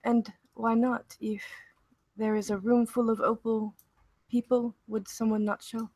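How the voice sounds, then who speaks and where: A languid, impatient adventurer, voiced by a woman at a tabletop game, who drawls in a put-on accent. She speaks very slowly, and the sound is dry and close. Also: on the high side, flat delivery, mellow, no room sound. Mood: haughty. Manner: slow, drawling, trying an accent.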